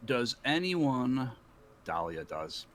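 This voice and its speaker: A man narrating as the dungeon master of an online tabletop game, laughing easily and pausing with fillers as he describes the action. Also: mid-range voice, big pitch swings, slight background noise. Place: online voice call.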